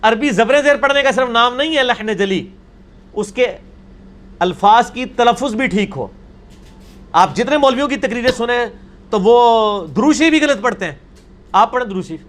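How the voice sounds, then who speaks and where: Man, high voice, argumentative scholar answering questions in a talk. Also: lively intonation, pauses often, a bit bright. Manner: emphatic, argumentative, quotes others in put-on voices. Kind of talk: seated Q&A discussion.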